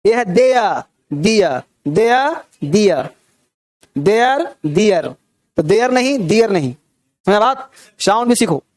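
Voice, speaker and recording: A man's voice: high-pitched, a little mellow, no room sound, studio quality. A young man teaching a grammar class, drilling pronunciation and checking in with his students. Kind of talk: classroom lecture.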